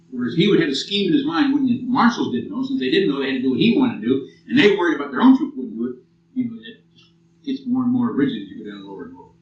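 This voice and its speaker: A man in his sixties with an American accent, lecturing a class and telling blunt, profane war stories. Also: mid-range voice. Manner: blunt, profane, animated storytelling. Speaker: military lecturer. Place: lecture hall. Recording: muffled old tape from far off in an echoey room.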